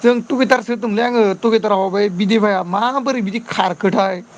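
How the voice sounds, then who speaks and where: A man's voice: high voice, steady tone, a little fast, slight background noise. A man chatting casually on a livestream, reading out viewer comments and pleading for comments and friend requests. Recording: dull lo-fi sound.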